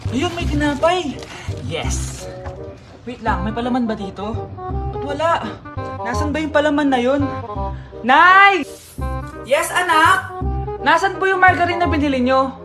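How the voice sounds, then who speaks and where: A woman performing comedy skits, voicing every character herself, from shouted scolding to soft childish lines. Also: high-pitched, expressive, moderate pace, pauses often, music in the background. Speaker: comedy sketch creator.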